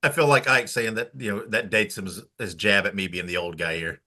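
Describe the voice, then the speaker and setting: A man's voice: on the low side, steady tone, brisk, bright, forceful tone. A man in his late forties hosting a podcast, teasing his co-host and laughing often. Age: late 40s. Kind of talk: casual interview chat.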